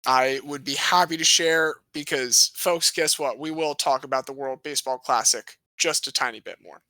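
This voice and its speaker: A man co-hosting a podcast, telling a sports history story in a playful, animated way with jokey asides. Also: mid-range voice, normal speed, no echo, low-quality recording. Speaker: podcast co-host.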